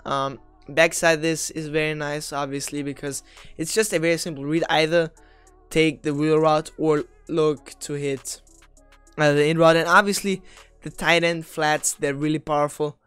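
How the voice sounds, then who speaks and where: A young man from Austria walks through football plays in a relaxed, chatty gameplay tutorial, picking apart each read and tossing in offhand jokes. His voice sits a little high and comes across smooth and resonant. Soft music plays faintly underneath. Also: moderate pace, no echo. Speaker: video game strategy creator. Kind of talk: casual gameplay tutorial commentary.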